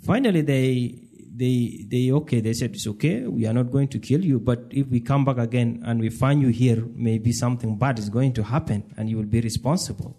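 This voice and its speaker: A man from South Sudan telling his personal story in a measured, steady way, with frequent ums. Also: mid-range voice. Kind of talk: personal testimony.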